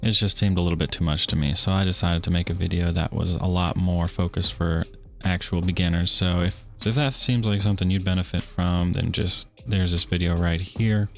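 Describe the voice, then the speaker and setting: Low-voiced joking man tutorial maker. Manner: joking, self-deprecating, chatty asides. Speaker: game development tutorial creator. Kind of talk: casual screen-recorded tutorial.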